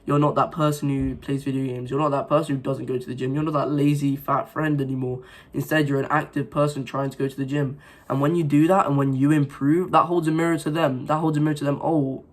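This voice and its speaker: This self-improvement vlogger is a young man whose throat is sore from a recent illness. Speaking fast at a medium pitch with little rise or fall, he gives his viewers an earnest, rambling motivational talk to camera, packed with fillers and restarts.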